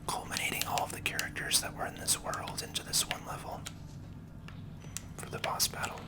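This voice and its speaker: A gaming video host offers soft, unhurried ASMR commentary in a breathy whisper, explaining things while playing.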